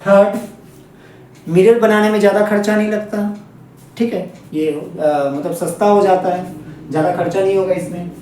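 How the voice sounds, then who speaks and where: A man's voice: sits high, steady tone, moderate pace, mellow, very echoey, distant mic, slight background noise. A man teaching a physics lesson aimed at exams, who repeats key points and keeps checking in with his students. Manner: repetitive, checks in often with students. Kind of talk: exam-focused classroom lesson.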